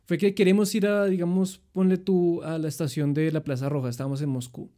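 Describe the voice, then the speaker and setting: Chatty Colombian young man, mellow. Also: a little high, brisk. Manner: chatty, rambling, animated retelling. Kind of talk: casual storytelling.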